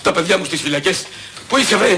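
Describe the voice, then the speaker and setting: A man's voice: high-pitched, lively intonation, background noise. An actor playing a middle-aged father, indignant and scolding, in a film comedy. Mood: lamenting. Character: blustering outraged father, shamed and furious. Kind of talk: 1980s film comedy acting.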